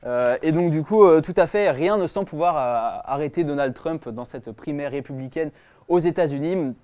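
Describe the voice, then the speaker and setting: A young man co-hosting a casual news chat show, talking quickly with many hesitations and fillers. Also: on the high side, darkish tone. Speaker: co-host.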